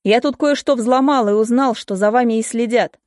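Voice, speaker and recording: A woman's voice: fairly high pitch, a little mellow, dry recording, studio quality, lightly acted. A woman voicing an anxious young man, the wife's ex-husband, who urgently pleads to be heard. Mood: urgent pleading. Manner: hurried, pleading.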